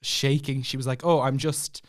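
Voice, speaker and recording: Here a young man with an Irish accent, medium in pitch and normal in speed, tells his own story as a podcast guest in casual talk. The retelling is animated, full of acted-out dialogue and laughing asides.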